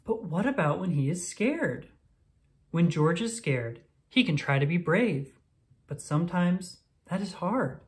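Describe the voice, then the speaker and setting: A woman with a low voice reads a children's picture book aloud from a script, her lively intonation swinging widely from one phrase to the next. She delivers each line deliberately and expressively for young listeners.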